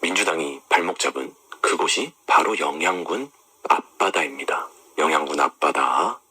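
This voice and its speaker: A man's voice: very deep voice, normal speed, pushed and bright, husky. A man talking straight to his viewers, walking them through maps and images and asking them rhetorical questions. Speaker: online commentator. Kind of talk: explanatory monologue to viewers.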